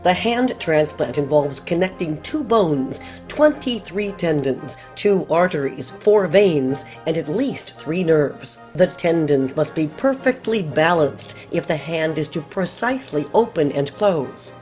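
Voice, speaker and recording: Low-voiced woman narrating news. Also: animated, measured pace, hardly any pauses, darkish tone, faint music behind. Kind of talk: scripted narration.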